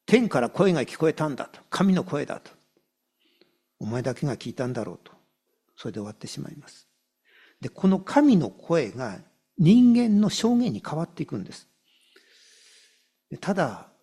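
A pastor delivers a sermon in a warm, gravelly, husky voice pitched slightly high for a man. Reading scripture and explaining it, his pitch swings widely, and he repeats key phrases, slowing right down on the words that matter.

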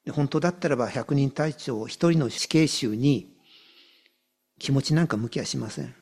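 Speaking at a medium pitch, a man preaches as a pastor in a voice that is husky and slightly mellow. He reads scripture aloud and lends weight to key phrases through repetition and a slower pace.

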